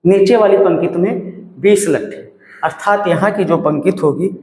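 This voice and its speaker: A fairly high-voiced male maths teacher works through a problem step by step, asking questions and answering them himself. His voice bounces around a bare room with a long, ringing reverb. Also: moderate pace, a little mellow. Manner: asks and answers his own questions, repeats numbers. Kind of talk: classroom maths lesson.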